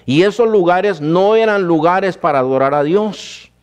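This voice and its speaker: A man's voice: high voice, lively intonation, unhurried, clean tone. Man preaching a testimony sermon. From Guatemala. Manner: addresses listeners as brother, storytelling.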